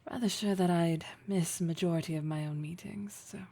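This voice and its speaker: In an audio roleplay, a woman voices a domineering female boss with a dark, mellow, low voice and heavy creak, keeping a steady tone. She speaks formally and in a measured way, with deliberate pauses, sounding smooth and apologetic. Her manner toward the listener is poised yet condescending, with a flirtatious tease.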